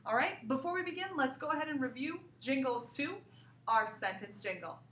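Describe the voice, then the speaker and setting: A woman teacher giving a recorded grammar lesson to young pupils, explaining slowly and reading example sentences aloud. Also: high voice, lively intonation, fairly bright tone, a little hiss or hum. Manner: slow, clear explaining with examples read aloud. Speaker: grade school teacher.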